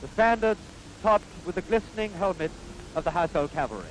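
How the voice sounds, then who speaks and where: Formal 1950s newsreel commentary comes from a man whose high voice sounds animated, though his phrasing stays stately and measured. He has a Received Pronunciation British accent, and the rough vintage soundtrack carries a little hiss or hum.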